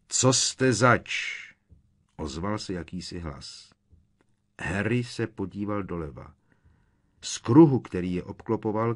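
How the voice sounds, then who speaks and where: A man reading an audiobook in a dramatic, expressive narration style. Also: fairly low pitch.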